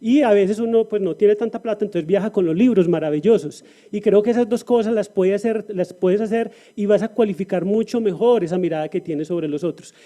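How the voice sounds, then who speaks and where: A man with a high-pitched yet very dark, mellow voice speaks as a panelist. He talks in a reflective way, often restarting phrases and pausing on fillers. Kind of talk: panel discussion talk.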